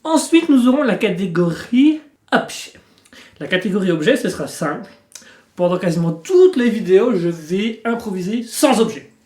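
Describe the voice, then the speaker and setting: A man's voice: high-pitched, animated, normal speed, darkish tone, reverberant. A man hosting his improv channel, explaining it in a rambling, self-mocking, playful way. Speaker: channel host. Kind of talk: comic improv vlog. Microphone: facing the camera.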